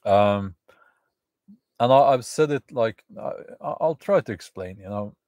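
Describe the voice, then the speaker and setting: Slow, halting man live from the woods. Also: mid-range voice, lively intonation, darkish tone, no echo. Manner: halting, many fillers and restarts. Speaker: channel host. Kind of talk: live stream chat to viewers. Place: outdoors in the woods at a campfire.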